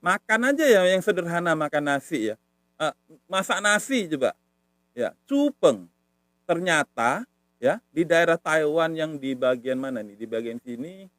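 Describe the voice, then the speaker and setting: A man from Medan teaches in a casual, patient way and says words over and over to show their tones. His voice sits a little high and swings widely in pitch. The sound is dry and close, with no room echo. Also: expressive, normal speed, a bit bright. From Medan, Indonesia. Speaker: language teacher. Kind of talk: casual online lesson.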